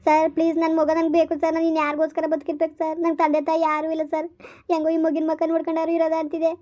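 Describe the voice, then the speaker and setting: Brief: a tearful young wife begging, very high, flat and quick, played by a woman, lo-fi sound. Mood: pleading. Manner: pleading, tearful. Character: desperate young wife begging for her son. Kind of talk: village family drama. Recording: dull lo-fi recording.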